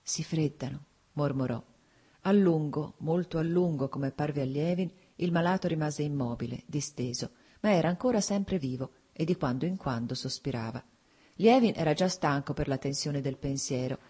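A narrator giving a measured, even reading of a classic novel as an audiobook. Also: medium pitch, slightly rough.

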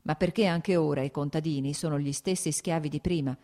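Woman doing a cranky fired-up radical guy, loud and heated, audiobook reading. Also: low-pitched, steady tone, fairly quick, natural voice. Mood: impassioned. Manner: loud, heated, irritable declaiming. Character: agitated sickly radical man, older brother.

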